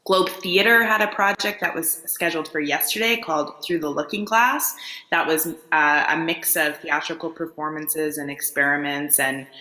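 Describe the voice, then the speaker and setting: A woman giving an update in a measured way, pausing with fillers. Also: low voice, fairly even intonation, bright, forceful tone, echoey room, rough recording.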